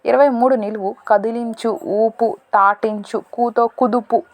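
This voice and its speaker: A woman solving a word puzzle in a casual lesson, thinking aloud, slow and deliberate, correcting herself as she goes. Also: fairly high pitch, fairly even intonation. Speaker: teacher solving a crossword.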